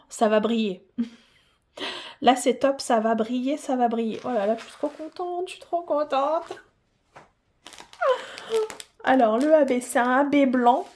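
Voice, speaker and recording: Slow, gushing woman vlogger. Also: a little high, darkish tone. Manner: gushing, repeats herself, many hesitant fillers. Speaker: hobby channel host. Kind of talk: casual unboxing vlog.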